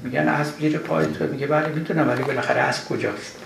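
A man lecturing to a live audience, explaining step by step and slipping into recited verse. His voice has a gravelly edge. The recording carries a roomy echo and steady background noise. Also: fairly high pitch. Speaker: lecturer on classical Persian poetry. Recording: echoey room with background noise.

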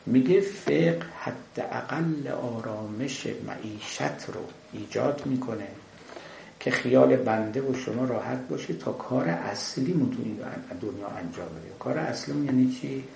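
Gravelly-voiced man lecturing in an echoey room. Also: mid-range voice, expressive, darkish tone. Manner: measured, explanatory, with frequent hesitations. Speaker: lecturer on the Masnavi. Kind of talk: lecture commentary. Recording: echoey room with faint noise.

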